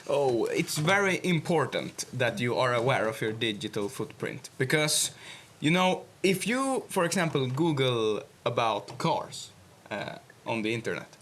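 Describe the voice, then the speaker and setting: A man's voice: mid-range voice, very animated, measured pace, fairly bright tone. Young man from Sweden, talk show guest, hesitant with lots of fillers, slight noise. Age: teens or young adult. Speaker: panel guest. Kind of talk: casual panel discussion.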